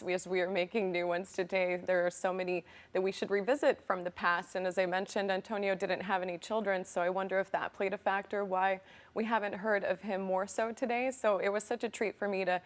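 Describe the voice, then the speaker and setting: A young woman reporter from California, a guest on a studio talk show, speaking in an enthusiastic, polished way. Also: medium pitch. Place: TV studio set. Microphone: lapel mic.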